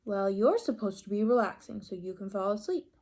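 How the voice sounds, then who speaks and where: A patient chicken papa from a picture book, voiced by a woman. He speaks as a mildly exasperated parent, gently scolding his little one. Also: mid-range voice, lively intonation, brisk, natural voice. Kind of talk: picture-book read-aloud character voice.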